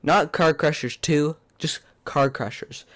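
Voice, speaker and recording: A man's voice: a little high, takes it slowly, heavy background noise. A young man with a congested, pinched-nose voice from a cold, giving rambling, blunt, casual commentary as a YouTuber. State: sick with a cold. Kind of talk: casual opinionated video commentary.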